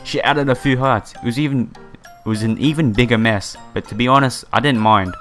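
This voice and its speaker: A gamer narrating a visual novel playthrough reads text aloud fairly quickly in a mid-range voice, stumbling now and then and adding casual slang. Background music plays.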